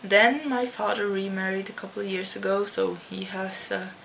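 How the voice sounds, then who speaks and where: Answering a tag at home, a Dutch-born teenage girl speaks to her computer webcam in a slow, halting way, often restarting. Her mid-range voice is steady, creaky and fairly bright, with the faint hum of a computer fan in the background.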